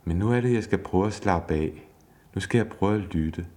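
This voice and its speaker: A patient husband who answers his angry wife in a calm, soothing way and keeps asking what she wants, as a man reads his part. The voice is deep and measured. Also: lightly acted. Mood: self-calming. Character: patient husband calmly trying to listen.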